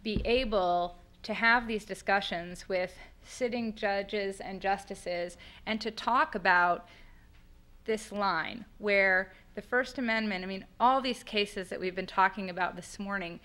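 A woman's voice: mid-range voice, unhurried, bright, forceful tone. A middle-aged American woman with a lateral lisp, presenting at a podium in a conversational, explanatory way with rhetorical questions. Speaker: panelist presenting at a law school conference. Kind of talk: semi-formal spoken presentation. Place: indoor lecture room at a podium. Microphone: podium microphone on a boom stand.

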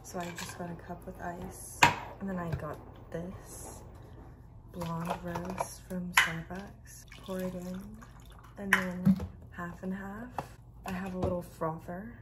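A woman's voice: fairly low pitch, little pitch movement, takes it slowly, very noisy. A young woman talking casually through her day, often dropping to a whisper. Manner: chatty, often drops to a whisper. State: out of breath on a hike. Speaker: vlogger. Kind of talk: casual day-in-the-life vlog.

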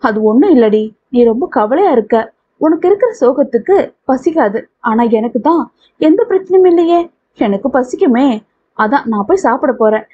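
A woman's voice: high voice, lively intonation, moderate pace, breathy edge. A woman reading the part of a blunt young female friend who teases and scolds. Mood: teasing. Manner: teasing, scolding. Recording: tinny phone-like audio.

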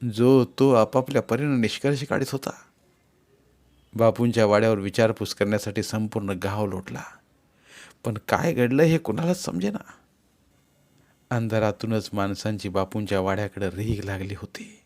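A man narrating a novel in an audiobook with a steady, measured reading. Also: on the low side.

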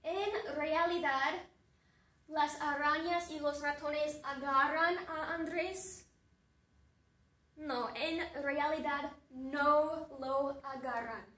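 Slow, high-voiced woman teacher, echoey. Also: pushed and bright, far from the mic. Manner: slow, deliberate questioning with lots of repetition. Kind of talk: story-based language lesson. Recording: roomy echo, voice off-mic.

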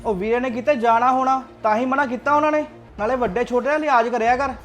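A man's voice: extremely high pitch, fairly even intonation, quick pace, fairly bright tone, faint music behind. Man playing a mild, polite younger brother. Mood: reproving. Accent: Punjabi. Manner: mild, placating.

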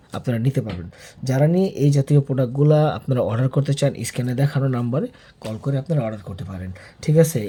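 A man's voice: medium pitch, dark tone, slightly rough. A man giving an informal product demonstration as an online seller, often checking in with his listeners.

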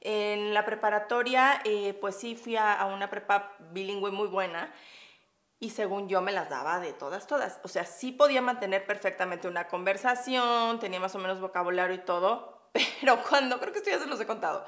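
In this casual makeup vlog, recorded in an echoey room, a beauty vlogger talks with a Mexican Spanish accent. She's in her thirties, bubbly and quick to laugh, with a medium-pitched, slightly bright voice at a normal speed.

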